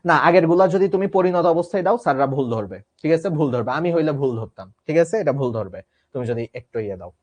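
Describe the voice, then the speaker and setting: A man's voice: on the high side, fast. A young man from Bangladesh giving a casual, chatty biology lesson, often checking that students follow. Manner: lively, chatty, asks "ঠিক আছে?" often. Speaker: biology teacher.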